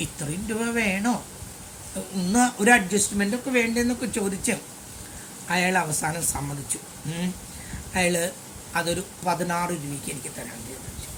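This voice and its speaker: A man's voice: sits high, a bit bright, a little hiss or hum. Chatty older man teaching maths. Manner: chatty and digressive, mixing in English phrases. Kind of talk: classroom lesson told as a personal story.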